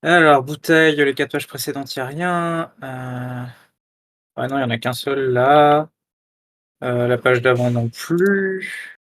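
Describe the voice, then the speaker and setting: A man co-hosting a casual podcast chat, calm and low-key with a deadpan manner. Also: slow, dry recording. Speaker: podcast co-host.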